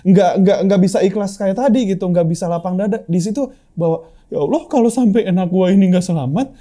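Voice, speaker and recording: A man's voice: sits high, brisk, dark tone. A young man in casual, heartfelt chat, telling a personal story with many restarts and quoted lines. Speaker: guest sharing a personal story.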